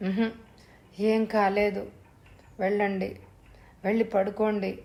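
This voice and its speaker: A woman voicing a young wife who speaks quietly and wearily and turns curt and stubborn. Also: a little high, measured pace, lightly acted. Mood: weary. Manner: quiet and weary, then curt.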